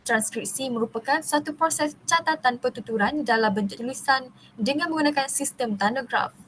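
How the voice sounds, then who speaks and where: A faint hiss and generally poor audio accompany this young woman from Malaysia as she reads her university presentation. She speaks in a fairly high voice at a careful, moderate pace, tripping over long technical words and restarting them.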